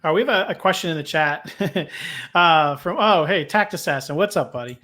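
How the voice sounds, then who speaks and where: A man's voice: fairly high pitch, moderate pace, sharp tone. A man hosting a casual sports talk show, talking with many fillers and restarts. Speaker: podcast host.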